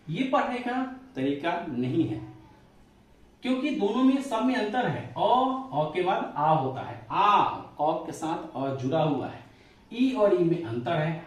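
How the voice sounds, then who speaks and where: A man's voice: high voice, darkish tone. A male teacher giving a spoken lesson step by step. He repeats sounds for his listeners to say back and stretches vowels to show long and short ones. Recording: very echoey room, voice from a distance.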